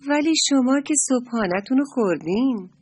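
A woman's voice: on the high side, animated, darkish tone, slightly rough, no room sound, pitched above the performer's own voice. A woman voicing a small, curious young creature who asks eager questions in a children's story.

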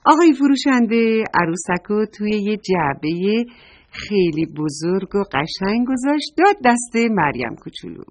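A woman narrating a children's story, animated and addressing the young listeners directly, on a dull lo-fi recording. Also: medium pitch.

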